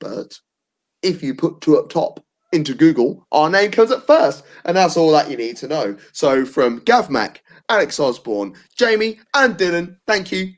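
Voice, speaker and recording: A man's voice: on the high side, very animated, normal speed. A man from England hosting a casual football debate podcast, blunt and opinionated, with lots of fillers and restarts. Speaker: podcast host.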